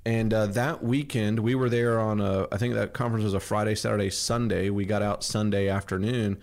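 A man hosts a podcast from his home kitchen and talks in a chatty, rambling way. His voice is fairly low, and he tells his stories loosely. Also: fairly even intonation, fairly quick, vocal fry, a little mellow. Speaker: podcast host. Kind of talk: casual chat.

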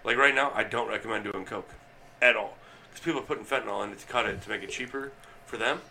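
A man's voice: on the low side, fast, bright, forceful tone, a little hiss or hum. A man co-hosting a casual podcast chat, talking bluntly with crude jokes. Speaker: podcast co-host.

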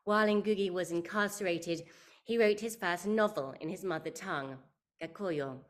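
A woman hosting a podcast, reading a prepared introduction in a measured, clear way. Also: lowish voice. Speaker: podcast host.

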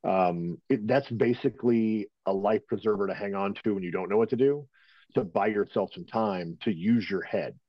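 Deep-voiced man, loose rambling talk. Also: moderate pace, dry recording, lo-fi sound. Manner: rambling, filler-heavy, conversational. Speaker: interview guest, firearms instructor. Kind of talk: casual spoken interview answer. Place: at home.

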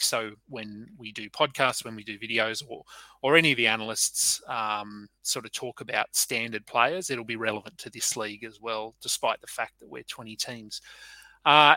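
A man's voice: medium pitch, bright, forceful tone, no room sound, poor audio. A man hosting a casual podcast, chatty and loose with plenty of fillers and restarts. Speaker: podcast host.

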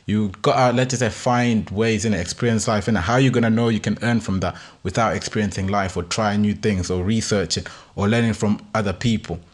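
Casting: male podcast host, twenties, London roadman accent, fairly low voice, informal slang-heavy encouragement straight to listeners. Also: steady tone, a little fast, hardly any pauses. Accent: London, urban roadman slang style. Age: 20s. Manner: street-slang talk with constant "innit" tags. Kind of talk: casual motivational monologue to listeners.

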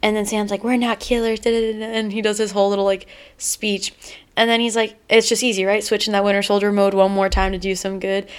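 A woman's voice: medium pitch, level tone, fast talker, smooth. A woman co-hosting a casual chat, rambling through a comic's plot and acting out the characters' lines as she goes. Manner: rambling retelling, acting out quotes. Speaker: podcast co-host.

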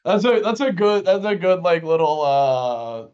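A man's voice: high voice, very animated, measured pace, darkish tone, muffled recording. A man from Florida in casual chat, joking and teasing with hesitant restarts. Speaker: podcast co-host.

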